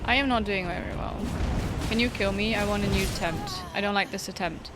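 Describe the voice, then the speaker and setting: A young woman live-streams a video game, casually chatting with viewers and answering their messages. She sounds frustrated but jokes about her own failures in self-mocking banter, her medium-pitched voice a little fast over loud music.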